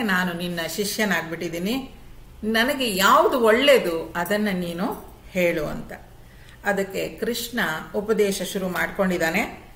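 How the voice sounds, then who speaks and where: Slow, patient woman teaching scripture. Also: lowish voice, a bit bright, echoey room. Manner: slow, patient teacher asking the class questions. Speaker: Gita teacher. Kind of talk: explaining scripture to a class.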